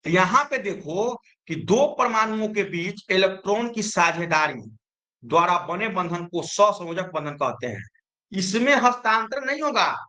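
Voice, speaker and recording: A man's voice: high voice, lively intonation, a little slow, sharp tone. A man teaching a chemistry lesson, who keeps asking his students questions and answering them himself. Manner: explains with repeated questions to students.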